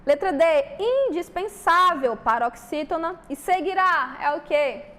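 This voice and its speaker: High-voiced Brazilian woman teaching grammar. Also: lively intonation, measured pace, bright, forceful tone. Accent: Brazilian Portuguese. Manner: explains step by step, with frequent "tá?" check-ins. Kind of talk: exam-prep grammar lesson.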